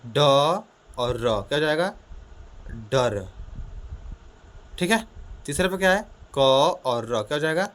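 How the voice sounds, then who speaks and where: Taking it slowly and pausing often, a man with a fairly high, expressive voice teaches a children's class in a small room. He's loud and full of energy, repeating questions to the kids and sounding out letters.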